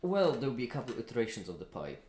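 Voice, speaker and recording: A man's voice: medium pitch, huge pitch swings, very fast, darkish tone. A man chatting casually as he works on his livestream, thinking aloud in a musing, self-critical way. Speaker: video creator hosting a livestream. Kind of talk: casual chat while working. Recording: echoey room with clear background noise.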